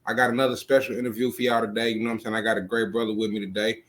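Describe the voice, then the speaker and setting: A man's voice: fairly low pitch, level tone, racing. A man hosting a casual interview, easygoing and full of conversational fillers. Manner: easygoing, lots of "you know what I'm saying". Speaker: host.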